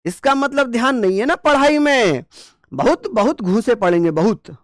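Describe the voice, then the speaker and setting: A man's voice: extremely high pitch, lively intonation, moderate pace, no echo. A man teaching an exam-prep class, who asks questions and answers them himself in a repetitive call-and-response way, with playful mnemonics and scolding asides. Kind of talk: online coaching class lesson.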